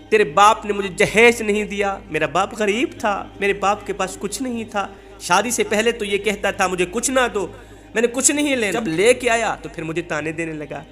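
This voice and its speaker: A man preaching in a sermon voices a grieving, wronged young wife who pleads softly with repeated phrases. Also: sits high. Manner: pleading, soft, repetitive.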